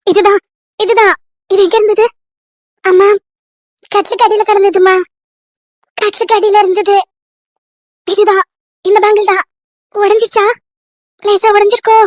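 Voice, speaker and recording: A woman's voice: very high voice, flat delivery, normal speed, pauses often, a little mellow, no room sound, studio quality. A woman voicing a young married woman in a cartoon story, anxious and pleading, repeating her questions over and over. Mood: tender.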